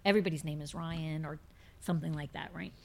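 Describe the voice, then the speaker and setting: Her voice sits low and sounds gravelly, moving fast with fairly even intonation. She's in her fifties and hosts a faith podcast, casually and emphatically answering listener questions and often repeating words to press her point.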